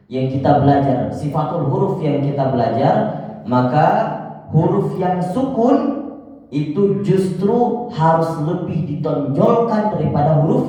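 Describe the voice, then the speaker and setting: A man teaching Quran recitation in a mosque, explaining slowly and breaking into melodic chanted examples. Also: fairly high pitch, warm tone. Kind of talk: religious lesson with chanted examples. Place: large mosque hall. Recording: dull echoey hall from far off.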